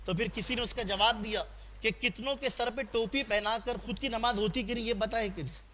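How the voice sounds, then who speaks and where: This sermon comes from a man whose high voice is pushed and bright, with fairly even intonation and slight background noise. He exhorts the congregation, asks questions and seeks responses, and mixes in personal stories told conversationally.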